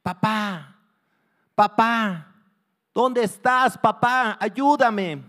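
A man's voice: very slow, a bit bright, heavily acted. A man voicing a frightened little boy trapped in a burning house, crying out desperately for his father. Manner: desperate high cries.

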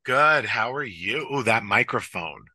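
A man's voice: medium pitch, a little slow, breathy edge, no room sound. A young man co-hosting a podcast, chatting playfully and laughing easily. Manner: jokey, laughs easily, animated. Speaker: podcast co-host, speech therapist. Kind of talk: playful casual chat. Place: New York City.

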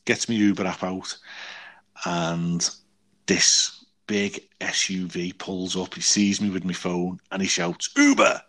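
A man chatting casually, telling an animated travel story and acting out the people in it. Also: sits low, takes it slowly. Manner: animated storytelling with quoted voices, swears. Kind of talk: casual chat.

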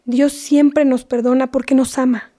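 A woman's voice: high-pitched, level tone, unhurried, mellow. A woman playing a scolding but loving mother with a Mexican accent, lecturing her daughter in a comedy sketch. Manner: scolding, lecturing, half-whispered.

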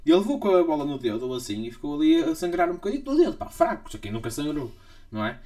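A man's voice: on the high side, very animated, very fast, warm tone. A young man with a European Portuguese accent, teasing his co-host in casual podcast banter. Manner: teasing, jokey, laughs often. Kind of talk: casual chat.

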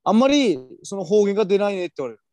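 A young man from Miyazaki speaking in Miyazaki dialect, chatting casually and quickly as a podcast co-host. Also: high-pitched, sing-song, darkish tone, no echo. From Miyazaki, Japan. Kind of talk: casual chat.

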